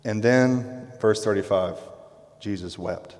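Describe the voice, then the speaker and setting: A pastor preaching a sermon in a conversational, emphatic way, dropping to quiet intensity on key words. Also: male voice, on the low side, slow pace. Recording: long reverb from a hall.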